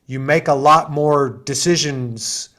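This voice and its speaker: A middle-aged man, serving as an assistant dean, hosts an info session on a video call, explaining programs slowly in a fairly high, slightly bright voice. He's chatty and enthusiastic, with plenty of asides and fillers.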